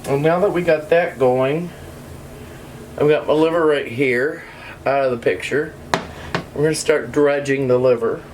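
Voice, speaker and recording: Woman host, home cooking demo, losing her voice, slow homey chatter, faint kitchen sizzle behind. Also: rumbling low, a little mellow, a little hiss or hum, low-quality recording. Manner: chatty, homey, addresses viewers directly. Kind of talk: casual cooking demonstration. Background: sizzling pan and kitchen sounds.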